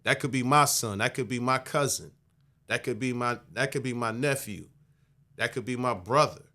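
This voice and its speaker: A man in his fifties from Michigan, a podcast guest telling stories in a calm, measured, conversational way and often adding "you know". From Michigan, USA. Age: 50s. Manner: calm and measured, low-key, frequent "you know" asides. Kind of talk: conversational storytelling.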